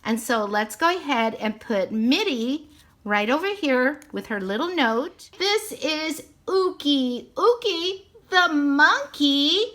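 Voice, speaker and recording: A woman's voice: sits high, animated, slow pace, fairly bright tone. Sweet, gushing toy-unboxing woman. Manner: gushing, sweet, repeats "so cute" and "oh my gosh". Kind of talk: cheerful unboxing narration.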